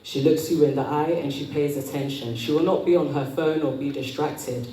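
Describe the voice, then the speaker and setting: A woman giving a motivational talk as an etiquette coach, with prim, precise enunciation and a measured, polite manner. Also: low-pitched, fairly even intonation, warm tone. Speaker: etiquette coach speaking at an event. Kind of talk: motivational talk to a live audience. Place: indoor event room with audience. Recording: roomy, distant mic, noisy hall.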